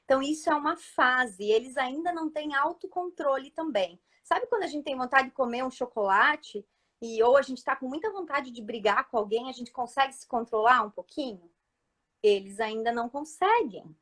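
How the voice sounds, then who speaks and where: Brief: mother as guest speaker, high voice, patient and explanatory, frequent "right?" asides. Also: moderate pace. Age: adult mother. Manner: calm, explanatory, often checks in with listeners. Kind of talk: live talk giving parenting advice.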